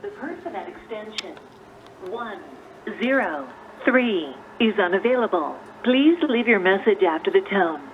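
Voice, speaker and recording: A woman's recorded voicemail prompt heard over a landline phone line, with a measured, evenly spaced delivery. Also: medium pitch, animated, a crowd in the background. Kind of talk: recorded automated announcement. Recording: tinny phone line with faint hiss.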